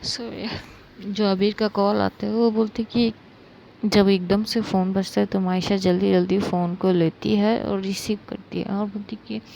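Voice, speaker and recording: Young woman storyteller, unhurried casual narration, gravelly, fillers throughout. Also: mid-range voice, highs cut off, a little hiss or hum. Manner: relaxed, chatty, with frequent fillers.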